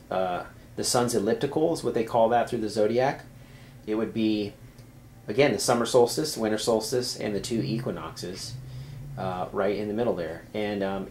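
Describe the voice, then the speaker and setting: A man with a somewhat low voice talks casually to his viewers, pausing often and restarting his sentences. A faint hiss of noise sits under the recording. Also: a little mellow. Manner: hesitant, many fillers and restarts. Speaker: video creator explaining symbols. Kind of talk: casual explanatory monologue.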